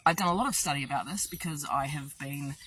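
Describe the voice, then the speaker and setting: A man giving an informal opinion monologue in halting, deliberate phrases. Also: a little high, a bit bright, slight background noise.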